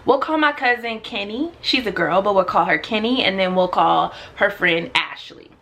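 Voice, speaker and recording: Casting: tipsy American woman, bright punchy voice, sassy and emphatic casual storyteller. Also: medium pitch, normal speed. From Los Angeles, United States. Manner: tipsy, drinking while telling the story; slangy, sassy, emphatic delivery. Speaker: storytime vlogger.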